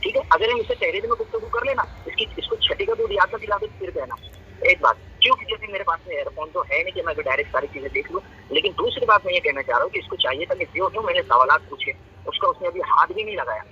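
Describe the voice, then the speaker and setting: Man debating by phone, taunting and insistent, high lively voice, muffled with a faint hiss. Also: quick pace. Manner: taunting, insistent, repeats his question. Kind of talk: heated religious debate over a phone call.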